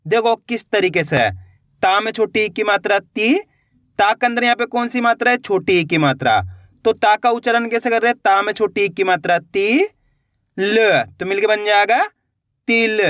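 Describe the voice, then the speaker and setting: A man's voice: high-pitched, a bit bright, no echo, studio quality. A man teaching beginners to read, sounding out each syllable and then joining them into a whole word, and urging viewers to try on their own. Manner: addresses viewers as friends and coaxes them to try. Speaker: Hindi reading teacher. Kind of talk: online reading lesson.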